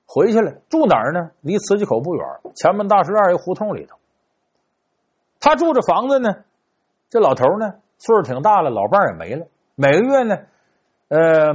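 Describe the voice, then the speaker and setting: A man with a Beijing accent telling a traditional story, animated and chatty with playful asides. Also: high-pitched, fairly quick, breathy edge.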